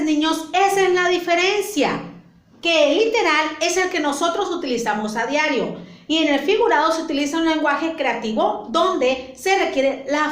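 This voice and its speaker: High, lively, echoey Mexican teacher. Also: female voice. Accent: Mexican Spanish. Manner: patient, explains step by step, repeats points with diminutives. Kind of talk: classroom lesson for children.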